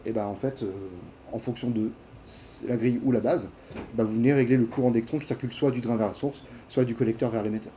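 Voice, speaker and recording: This man, a university lecturer, speaks at a quick pace with a warm, steady, mid-range voice, and a little background noise is audible. His relaxed lecture hall talk includes many fillers, restarts and questions aimed at students.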